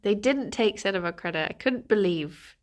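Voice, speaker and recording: A young woman streamer with a stuffy, congested nose hosts a casual morning chat, giggling and greeting viewers by name. Her mid-range voice has lively intonation and moves at a moderate pace.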